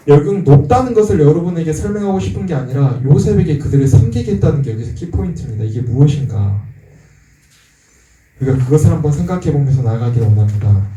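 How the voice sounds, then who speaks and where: A man's voice: a little high, warm tone. A man preaching a sermon as pastor, talking with the congregation and asking them questions. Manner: conversational, asks the congregation questions. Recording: echoey room from far off.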